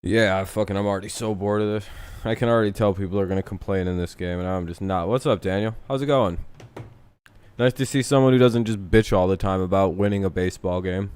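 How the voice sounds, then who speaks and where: A man's voice: low voice, fast, darkish tone, clean tone, dry recording. A man hosting a live stream, ranting in casual chat with lots of swearing and "dude.". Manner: profane, ranting, says "dude" constantly. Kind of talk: casual watch-along chat.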